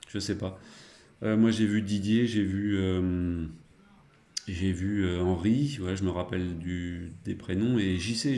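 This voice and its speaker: A middle-aged amateur radio operator with a fairly low, warm voice chats casually and colloquially, chuckling and ending lines with trailing tag words. The recording carries a roomy, echoing ambience.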